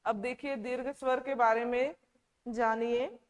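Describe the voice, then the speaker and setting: A woman teaching a class, asking questions and repeating key words slowly. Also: a little high, fairly even intonation, in a large hall. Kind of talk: classroom lecture.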